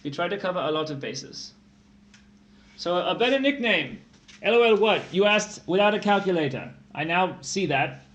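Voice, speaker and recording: A man's voice: high voice, lively intonation, normal speed, fairly bright tone. A man hosting a live-streamed tutoring lesson, explaining math problems in a playful, jokey way.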